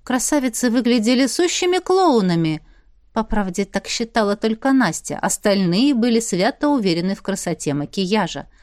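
A woman's voice: mid-range voice, very animated, normal speed, darkish tone, dry recording, studio quality. Woman narrating a fairy-tale audiobook. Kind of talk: scripted narration.

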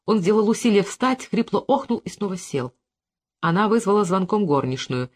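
An audiobook narrator reading a literary novel aloud. The pitch sits mid-range and the delivery is even and measured. It is scripted narration.

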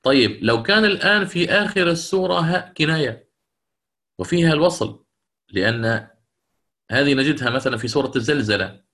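A man's voice: a little high, expressive, fairly bright tone. A middle-aged man teaching Quran recitation rules in a lecture, explaining step by step and stopping to check his students follow and to take questions. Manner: explanatory, pauses to check understanding and answer questions. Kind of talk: online lecture with recited examples.

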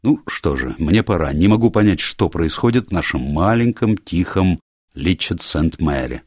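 A measured country doctor, asking careful questions in a very low voice, as a man reading an audiobook plays him. The sound is dry and close, with no room around it. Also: expressive, dry recording. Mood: probing. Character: calm, probing country doctor, middle-aged man.

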